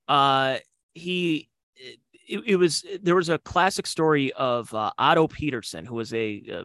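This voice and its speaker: A man's voice: medium pitch, pushed and bright, dry recording. A man hosting a podcast, telling comedy club stories in a rambling, digressive way with slangy asides. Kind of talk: casual storytelling.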